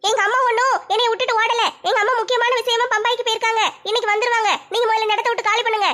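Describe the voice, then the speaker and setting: A woman doing a shrill, defiant young daughter. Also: level tone, pushed and bright. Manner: pleading, scolding in quick bursts. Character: young college-age daughter, frightened but defiant.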